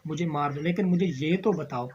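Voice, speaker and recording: A man's voice: on the high side, fairly quick, darkish tone, husky. A man voicing an innocent young girl who pleads tearfully with her father. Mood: desperate. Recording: slightly dull recording.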